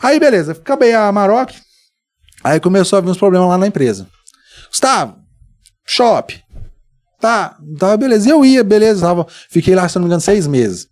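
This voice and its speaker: A man's voice: high-pitched, sing-song, quick pace, a little mellow. A man with a Brazilian Portuguese accent, a podcast guest animatedly telling his story and acting out the dialogue in it. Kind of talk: storytelling in a casual podcast interview.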